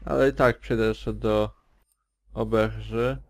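A man's voice: fairly low pitch, fairly even intonation, a little slow, creaky, dry recording. A man casually commentating his own gameplay, talking in an offhand, mumbling way. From Poland. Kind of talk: casual let's play commentary.

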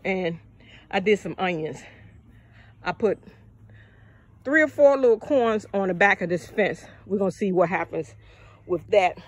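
A woman's voice: mid-range voice, no echo. An older woman, a bit out of breath, chatting casually to viewers while walking through her outdoor vegetable garden, calling them y'all. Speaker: gardening vlogger.

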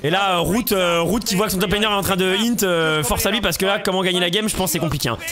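A man co-casting an esports match on his stream, animated, swearing and shouting at plays while talking to his chat. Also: sits high, fast talker. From Portugal. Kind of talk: excitable casual commentary. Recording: crowd noise from match stream behind.

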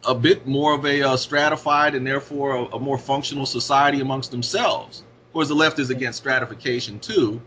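A man talking on a podcast as co-host, rambling with many fillers and dropping at times into low mutters. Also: fairly even intonation, fairly quick, sharp tone. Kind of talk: casual podcast discussion. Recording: dull lo-fi audio with faint hiss.

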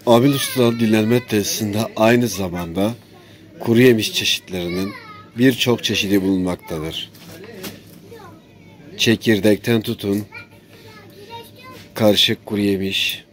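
A man's voice: lowish voice, a little slow, pauses often. A man presenting a local promotional video in semi-improvised narration. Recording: noisy on-location sound with ambience.

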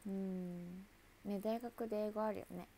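A woman's voice: mid-range voice, steady tone, unhurried, dark tone, a little hiss or hum. A woman idol chatting casually with viewers on a livestream, talkative and laughing often.

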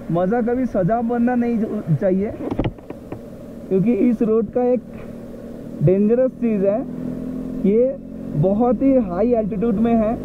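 A man's voice: sits high, background noise. Chatty male motorcycle vlogger, tinny helmet mic. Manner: chatty, explanatory, mixes in English words. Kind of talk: casual travel narration while riding. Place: on a motorbike on an open mountain road.

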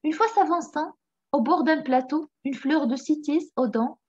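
A woman narrating a classic storybook tale in an expressive, lively reading. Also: sits high, a little slow, no echo. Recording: slightly dull, dry recording.

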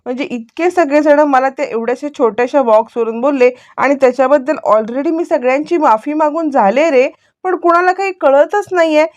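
A woman's voice: sits high, normal speed, lo-fi sound, voice pushed up, lightly acted. Scheming young woman, put on by a female storyteller; whiny, self-pitying. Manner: whiny, complaining.

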